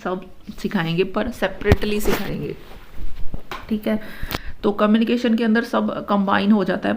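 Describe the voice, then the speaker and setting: Speaking Hindi peppered with English terms, a female teacher guides students through exam preparation one step at a time. Her medium-pitched voice has a darkish tone, and she lingers over each option before explaining it briskly. The audio sounds muffled and lo-fi.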